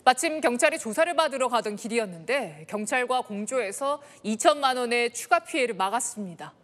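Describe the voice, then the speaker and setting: A woman's voice: a little high, lively intonation, a little fast, a bit bright, long reverb tail. A woman reading scripted news as an anchor.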